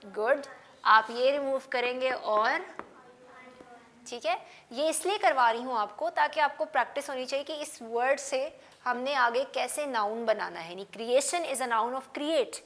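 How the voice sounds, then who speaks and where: A woman's voice: sits high, a little slow, fairly bright tone. A woman teaching an English phonics class, spelling words out letter by letter and mixing Hindi-Urdu with English. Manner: calls out to students by name.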